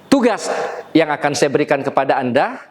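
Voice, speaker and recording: Man, lively theater lecturer, slightly high voice, echoing hall. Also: a little fast, slight background noise. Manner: lively, acts out stage lines, laughs often. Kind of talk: classroom lecture. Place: lecture room. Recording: long hall reverb.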